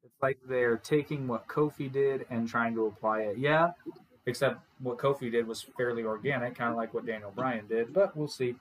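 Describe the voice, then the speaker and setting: A man co-hosting a podcast, chatting casually about wrestling in a joking, animated way. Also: medium pitch, moderate pace, poor audio. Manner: joking, animated, laughs often. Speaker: podcast co-host.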